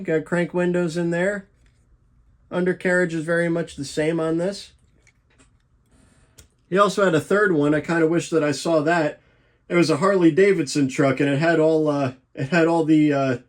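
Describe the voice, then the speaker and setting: Chatty high-voiced man vlogging. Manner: chatty, enthusiastic collector talk with fillers. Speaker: model train vlogger. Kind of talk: casual show-and-tell vlog.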